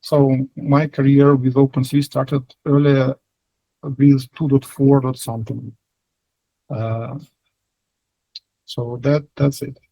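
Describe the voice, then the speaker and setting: A man with a Russian accent answering interview questions casually, in halting, hesitant phrases. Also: mid-range voice, flat delivery, dark tone, no room sound, low-quality recording. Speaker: software engineer, interview guest.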